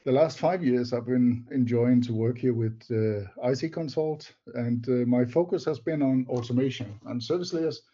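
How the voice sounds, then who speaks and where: An older man from Denmark, a technology advisor, presents a webinar in English, his second language. His mid-range voice is mellow and warm, and his non-native phrasing is measured and a little halting. The audio is dull and lo-fi, typical of an online meeting.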